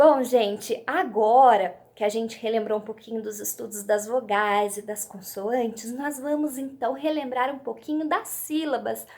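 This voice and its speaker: Woman, kids' teacher; high, lively voice, unhurried, sounds out each syllable. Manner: slow, animated, sounds out syllables for young pupils. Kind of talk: children's lesson.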